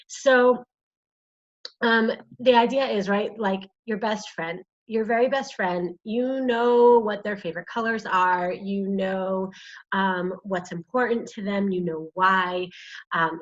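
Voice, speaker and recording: A woman's voice: medium pitch, a bit bright, dull audio. A woman coaching doulas through a worksheet in a casual, earnest video talk, full of fillers and pleading asides. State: shivering from cold. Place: indoors, cold room.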